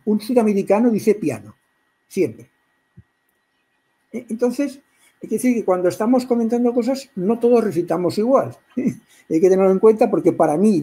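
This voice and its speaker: A middle-aged man from Catalonia with a Catalan accent, giving an informal talk on poetry to a writers' group, stopping often to clear his throat and restart his sentences. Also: a little high, mellow, low-quality recording. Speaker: workshop speaker on poetry.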